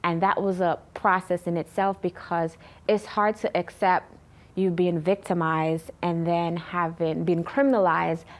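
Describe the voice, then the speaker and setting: Low-voiced woman sharing her story. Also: measured pace. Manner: earnest, animated when retelling conversations. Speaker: interview guest. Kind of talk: personal testimony in an interview.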